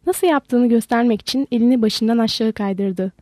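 Woman narrator for a novel, warm and mellow, dry close mic. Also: on the high side, moderate pace, no echo. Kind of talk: audiobook narration.

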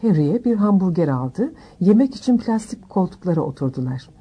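A woman narrating a storybook aloud in a steady, measured reading voice. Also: lowish voice, breathy edge, lo-fi sound. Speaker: audiobook narrator.

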